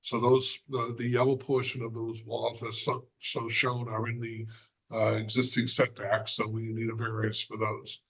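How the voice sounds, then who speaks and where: Hoarse guy walking a board through a site plan, husky, keeps clearing his throat, lots of ums. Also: mid-range voice, monotone, a bit bright, rough recording. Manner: halting, many fillers and throat clearing. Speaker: applicant's representative. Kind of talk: presenting at a remote board hearing.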